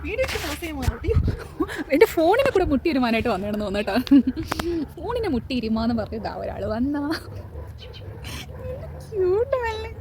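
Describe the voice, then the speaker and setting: Chatty high-voiced woman vlogger. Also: big pitch swings, very fast. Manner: chatty, coaxing, often cries out "ayyo". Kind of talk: casual vlog talk to a cat. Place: outdoors in a backyard garden. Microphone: phone held while filming. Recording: noisy outdoor phone recording.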